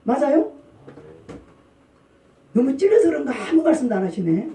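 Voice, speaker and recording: Woman pastor, high mellow voice, echoey distant church sound, call-and-response sermon. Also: normal speed. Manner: lively call-and-response preaching, asks congregation. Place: church sanctuary. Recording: roomy church hall, distant mic.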